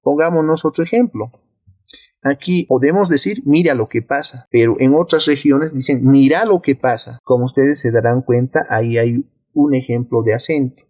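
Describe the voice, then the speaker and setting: A man's voice: mid-range voice, normal speed, no room sound, dull audio. A man with a Bolivian Spanish accent teaching a video lesson, explaining step by step and posing rhetorical questions. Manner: clear, steady, didactic delivery with rhetorical questions.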